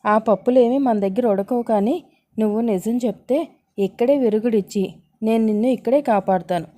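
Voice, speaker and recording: A woman's voice: on the high side, fairly quick, dark tone, natural voice. A woman voicing a bold, scheming young woman who talks in a pushy, commanding way. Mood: threatening.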